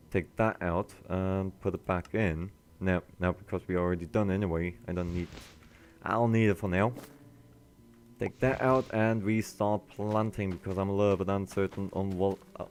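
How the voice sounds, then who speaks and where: Low-voiced rambling young streamer man. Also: a little mellow. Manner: rambling, with frequent restarts. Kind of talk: casual gameplay commentary.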